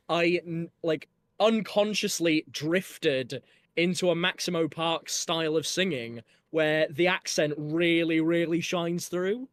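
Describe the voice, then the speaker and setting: The voice is fairly high and a bit bright: a young man with a Yorkshire accent, from Northern England. He's a musician guest in a casual chat, discussing his album in a loose way with lots of fillers and restarts.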